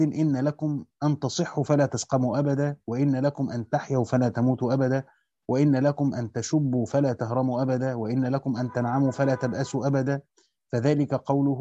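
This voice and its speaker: A man's voice: medium pitch, mellow, dry recording, lo-fi sound. A man with an Egyptian accent reading a classical Quran commentary aloud and explaining it with colloquial asides. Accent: Egyptian Arabic. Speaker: Islamic studies teacher.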